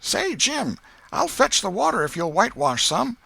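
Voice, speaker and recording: A man's voice: sits high, big pitch swings, normal speed, gravelly, pushed and bright, dry recording, pitched above the performer's own voice, full character voice. A man voicing a scrappy, wheedling young American boy with rustic, slangy, emphatic speech in a storybook reading. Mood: wheedling, cocky.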